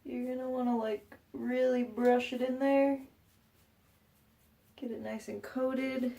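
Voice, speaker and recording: Her voice is high-pitched yet dark, delivered flatly and slowly with some vocal fry. Recording from her home bathroom, she rambles chattily through a casual how-to vlog, peppering it with fillers and self-mocking remarks, and sounds slightly congested.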